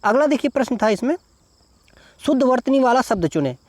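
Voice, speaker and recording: A man's voice: extremely high pitch, big pitch swings, a little fast, a little mellow, no room sound. A male teacher giving an exam-prep lesson, explaining each answer step by step and spelling words out syllable by syllable. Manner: explains step by step, repeats "देखिए" and "ठीक है".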